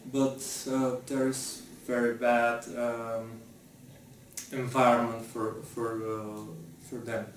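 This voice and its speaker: A young man and law student answering interview questions in a halting way, repeating himself. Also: medium pitch, flat delivery, a little hiss or hum. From Bulgaria. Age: young adult. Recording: echoey, distant from the mic.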